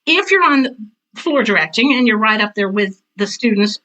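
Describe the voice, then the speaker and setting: A woman's voice: fairly high pitch, expressive, moderate pace, bright, forceful tone, rough recording. An older woman talking casually as an interview guest, with a direct, intense and emphatic way of repeating phrases. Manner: self-described intense, direct. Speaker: guest, theater teacher and author.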